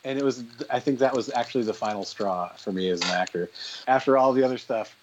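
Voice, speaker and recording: A man guest on an interview podcast, telling animated stories in casual chat and quoting people in their voices. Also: medium pitch, fast talker, noisy background. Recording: dull lo-fi sound.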